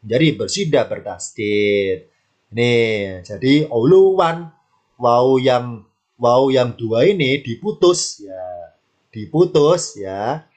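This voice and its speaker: A man's voice: mid-range voice, expressive, slow pace, a little mellow. A male Arabic grammar teacher, leading an online Quran lesson. He explains patiently, repeats key words and answers the questions he puts to himself.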